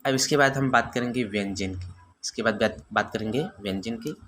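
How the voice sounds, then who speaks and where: A man's voice: mid-range voice, fairly quick, a bit bright, slight background noise. A man teaching an exam-prep grammar lesson, asking his own questions and answering them, repeating each term.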